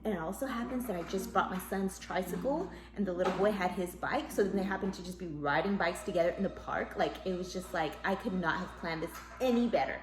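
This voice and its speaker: A woman's voice: quick pace, hardly any pauses. A woman vlogging about parenting, telling a story to the camera in a casual, chatty way and acting out what people said. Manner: lively, acts out quoted dialogue in a higher voice. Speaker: mom vlogger giving parenting tips. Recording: echoey room.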